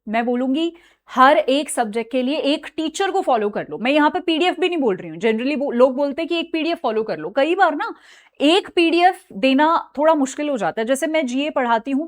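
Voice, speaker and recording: A young woman teaching an online exam-preparation lesson, chatty and direct, mixing English phrases into her talk and often checking in with her students. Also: high-pitched. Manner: chatty, mixes Hindi with English phrases, repeats "ठीक है?".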